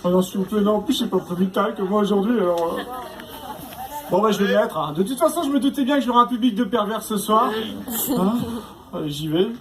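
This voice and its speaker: A man's voice: high voice, fast. A male stand-up comedian doing crowd work, chatty and teasing, tacking on tag questions as he goes. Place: stage before a live audience. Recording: noisy live room.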